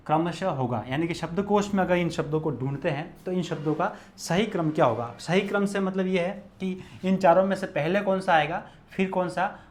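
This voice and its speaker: A male Hindi lecturer teaching an exam-prep lesson, explaining each step methodically and repeating it while he writes. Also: on the high side.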